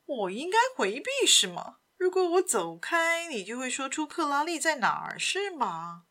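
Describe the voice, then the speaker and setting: A woman doing a sly, mocking gentleman thief. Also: on the high side, big pitch swings, slow pace, full character voice. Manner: sarcastic, coolly teasing. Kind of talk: audiobook character voice.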